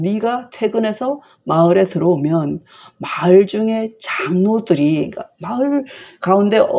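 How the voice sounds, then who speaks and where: Woman lecturer, gravelly, mellow voice, slow chatty explaining of a classical text. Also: lowish voice, highs cut off.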